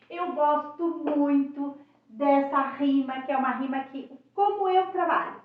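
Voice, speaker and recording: High-voiced woman teaching in an echoey room. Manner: lively, explanatory, with frequent rhetorical questions. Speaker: educator and therapist. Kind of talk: teaching presentation for teachers and parents. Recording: echoey room, distant mic, dull sound.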